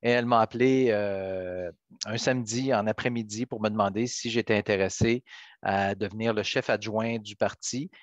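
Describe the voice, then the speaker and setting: A middle-aged man from Quebec with a Quebec French accent, answering interview questions as a politician in measured, hesitant phrasing. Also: on the low side, steady tone, no echo. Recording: dull, lo-fi band-limited sound.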